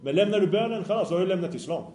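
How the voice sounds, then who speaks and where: A man's voice: high-pitched, expressive, mellow, reverberant. A man preaching an Islamic sermon to young people, earnest and often asking the audience questions.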